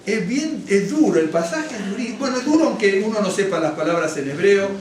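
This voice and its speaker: A man, a rabbi, giving a conversational sermon to his congregation. He is lively and digressive, keeps asking "¿no es cierto?", and gets carried away with enthusiasm. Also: high voice, fairly quick, a little hiss or hum. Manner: addresses congregation directly, gets excited. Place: synagogue hall. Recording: very echoey hall, mic at a distance, faint ambience.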